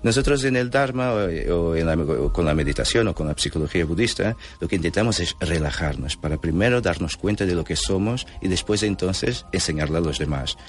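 A very deep-voiced man, a guest on a radio interview. He explains patiently and calmly, pausing on fillers and checking in with little tag questions as he goes. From Angola, raised in Portugal. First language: Portuguese. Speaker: Buddhist lama, guest.

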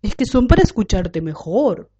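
A woman's voice: mid-range voice, sing-song, moderate pace, dark tone, slightly rough. A woman voicing a crafty, scheming male wolf in a children's story. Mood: sly. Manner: coaxing, crafty. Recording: dull lo-fi recording.

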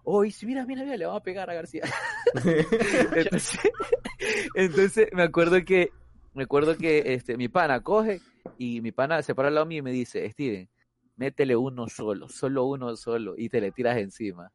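A man telling a story in casual group chat, animated, often repeating himself and laughing between phrases. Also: fairly high pitch, normal speed, a little hiss or hum.

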